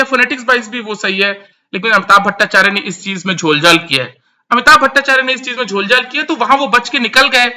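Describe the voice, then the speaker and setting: A man with a high, lively voice and a sharp, bright tone gives emphatic commentary to camera, breaking down song lyrics. He repeats his points to drive them home and mixes English terms into his Hindi.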